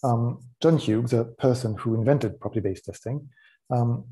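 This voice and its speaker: A man's voice: medium pitch, normal speed. French-accented man giving a tech talk. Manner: relaxed explanatory, frequent ums and restarts. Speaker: conference speaker. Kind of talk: technical conference talk.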